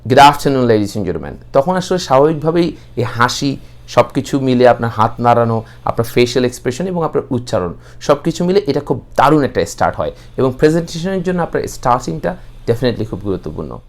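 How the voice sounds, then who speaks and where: A young man with a Bangladeshi accent teaching an English class, explaining steadily and slowing right down for model sentences. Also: medium pitch, very animated. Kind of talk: online English class, mixing Bengali and English.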